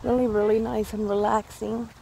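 A woman's voice: a little high, little pitch movement, moderate pace, creaky, warm tone, rough recording. A woman chatting casually in a rambling way as she films a walk through a park on her phone. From California. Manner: chatty, rambling, coos at animals. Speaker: vlogger. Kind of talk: casual walking vlog. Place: outdoors in a park by a creek. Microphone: phone held while filming. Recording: faint outdoor background noise.

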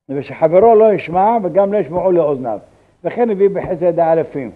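Old rabbi on a tinny line. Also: male voice, fairly high pitch. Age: older. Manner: halting, repeats words, acts out quoted dialogue. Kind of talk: religious law lesson with anecdotes. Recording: tinny phone-like lo-fi recording.

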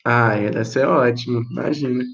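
A man's voice: mid-range voice, steady tone, normal speed, vocal fry, a bit bright, lo-fi sound. A man from Brazil teaching English to children in an online class, patiently repeating and explaining.

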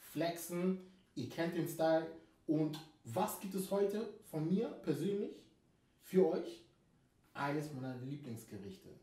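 A man's voice: on the high side, darkish tone. A man in his thirties hosting a casual cooking vlog in a home kitchen, hyped and slangy, joking with his guest. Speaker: cooking show host. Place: home kitchen studio, indoors. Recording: roomy and distant.

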